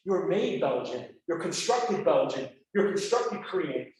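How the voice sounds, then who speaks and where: A man's voice: a little high, unhurried. An American man, a university professor, giving an online lecture over a video call, acting out his examples. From United States. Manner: animated, acts out examples. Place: indoors, remote class. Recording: echoey video call audio.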